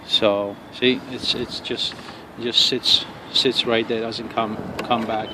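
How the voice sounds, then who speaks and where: A man's voice: mid-range voice, little pitch movement. Angry cursing man on a noisy street. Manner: angry, profane ranting with halting restarts. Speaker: RC car hobbyist reviewer. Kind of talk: casual outdoor review vlog. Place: outdoors on a city street. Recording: noisy outdoor street recording.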